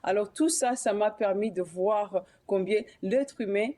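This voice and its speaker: Mellow-voiced woman singer. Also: medium pitch, a little slow. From Burundi. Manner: hesitant, many "euh" fillers and restarts. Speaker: singer and guest. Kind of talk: TV studio interview.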